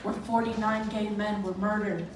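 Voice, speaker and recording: A young woman from Miami gives an earnest, pointed public comment at a board meeting, scattering fillers as she goes. Her voice sits at a middle pitch and comes from well off the mic. A booming hall echo and steady room noise surround her. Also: moderate pace. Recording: echoey hall, from far off, noisy.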